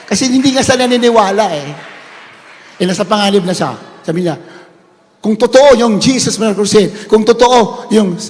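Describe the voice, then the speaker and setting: A man preaching a sermon, telling a story that swings from hushed retelling to shouted praise. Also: sits high, normal speed, big-room sound.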